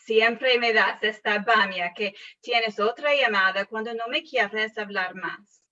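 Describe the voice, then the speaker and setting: A fussing, scolding mother, read by a woman, nags her grown son with a bright, slightly high voice that moves slowly. She sounds set back from the mic, and the sound is dull and lo-fi. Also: distant mic. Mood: nagging. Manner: scolding, nagging, full of complaints. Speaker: student reading a scripted dialogue. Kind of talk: read-aloud scripted dialogue.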